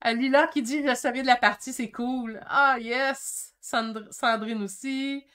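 Excitable Québécoise woman in her fifties. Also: fairly high pitch. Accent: Québécois French. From Quebec. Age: 50s. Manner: excitable and chatty, quick shifts in energy. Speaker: painting channel host. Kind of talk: casual livestream chat reading comments.

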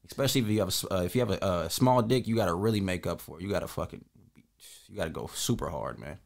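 Young man, twenties, reaction host, lowish voice, lively pitch, casual slang. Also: very fast, gravelly. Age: 20s. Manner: laid-back slang, repeats "man".

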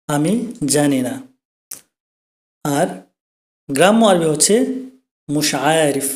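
A man giving a spoken language lesson, saying each phrase slowly and then repeating it with care. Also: fairly high pitch, a little mellow. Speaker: language teacher. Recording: echoey room.

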